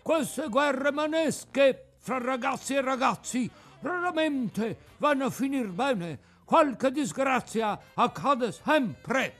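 A big grumpy crab with a cold. The voice is croaky and blaring, pushed far up from his own and strangely colored. He scolds slowly and loudly, like an old nag. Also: very high-pitched, expressive, faint music behind, pitched above the performer's own voice, heavily acted. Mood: scolding. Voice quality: croaky, blaring like a hoarse trombone. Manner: slow scolding lecture.

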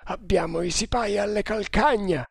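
A man doing a panicked high-voiced strangler ally. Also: normal speed, no room sound, studio quality. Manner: high, shouted pleas. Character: frightened male strangler ally, urgent.

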